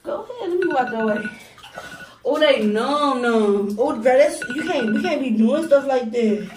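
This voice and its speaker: Young woman, high animated voice, excitable and pleading, casual challenge banter. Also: moderate pace. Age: young adult. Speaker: challenge vlogger. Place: small tiled bathroom. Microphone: camera set a short way off. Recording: roomy echo, distant mic, faint noise.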